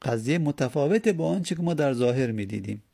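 A man's voice: mid-range voice, lively intonation, vocal fry, warm tone, slightly rough. A man teaching a grammar lesson, patiently explaining step by step and answering his own questions.

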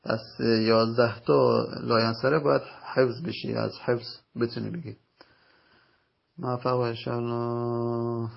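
A man teaching Arabic grammar in a recorded lesson, explaining patiently and slowly, repeating each example word. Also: mid-range voice, little pitch movement, gravelly. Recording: dull lo-fi recording.

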